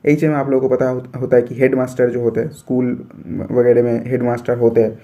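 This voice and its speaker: A man's voice: medium pitch, level tone, a little fast, highs cut off. A young man from India teaching biology for an entrance exam, explaining step by step and repeating his points.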